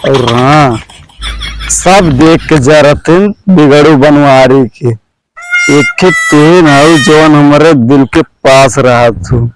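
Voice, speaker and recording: A man's voice: a little high, noisy background. A man playing a swaggering, maudlin village drunk in a comedy sketch, rambling drunkenly with an Awadhi accent from eastern Uttar Pradesh. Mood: maudlin, affectionate. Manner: drunken, rambling, drawn-out town drunk talk.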